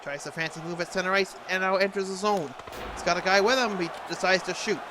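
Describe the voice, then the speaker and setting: Man putting on a high-pitched hockey announcer. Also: fast, crowd noise, background noise, lightly acted. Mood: focused. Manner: clipped present-tense calls, announcer impression. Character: earnest male TV hockey play-by-play announcer. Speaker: play-by-play announcer. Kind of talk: hockey video game commentary.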